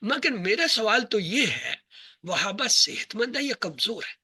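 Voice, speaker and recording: A man teaching Arabic verb grammar to a class, asking questions and answering them himself, and spelling out letters and words slowly. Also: high voice, very animated, sharp tone, breathy edge, no room sound. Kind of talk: classroom lesson.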